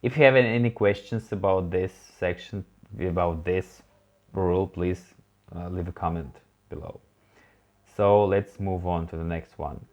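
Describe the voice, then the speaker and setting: A man's voice: deep voice, normal speed, muffled recording. A man teaching a beginner language lesson online, patiently prompting a learner to repeat words and encouraging them.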